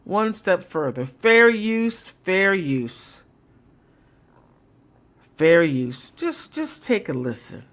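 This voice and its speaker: Slow easygoing stream host, rambly and emphatic, mid-pitched voice. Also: big pitch swings. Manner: rambling, emphatic, laughs while talking. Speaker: livestream host. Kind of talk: casual political commentary.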